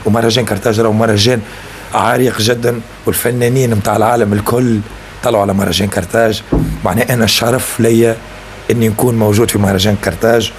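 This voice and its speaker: A man's voice: fairly low pitch, flat delivery, racing, slight background noise. A young man with a Tunisian accent, a singer answering interview questions earnestly and often checking that he is understood. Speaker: singer and rapper.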